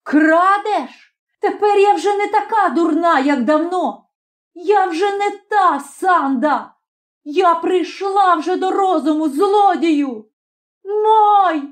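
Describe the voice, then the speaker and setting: Woman doing a young peasant woman, shrill, tearful, very high-pitched, sobbing, audiobook character. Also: slow pace. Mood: outraged. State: crying.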